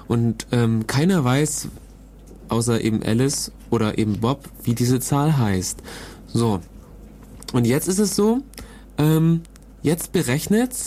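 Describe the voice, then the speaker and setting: A man co-hosting a podcast, explaining a technical topic in a loose, hesitant way, often pausing to search for words. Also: mid-range voice, darkish tone. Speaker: podcast co-host explaining cryptography. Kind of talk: casual explanatory podcast chat.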